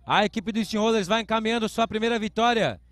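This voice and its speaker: A man's voice: high-pitched, quick pace, a bit bright, no room sound. A Brazilian man giving live American football play-by-play commentary, explaining calls in short announcer phrases. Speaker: sports commentator.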